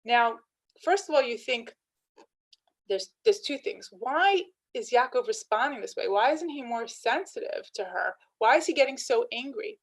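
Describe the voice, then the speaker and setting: A woman's voice: a little high, poor audio. A woman teaching a lesson on scripture, retelling scenes with quoted dialogue and rhetorical questions. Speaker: Torah teacher.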